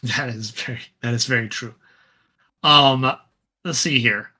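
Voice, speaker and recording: Bright-voiced man in casual chat. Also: medium pitch, unhurried, breathy edge. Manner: relaxed, rambling, many fillers and restarts. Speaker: podcast co-host. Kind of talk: casual chat about a tabletop wargame.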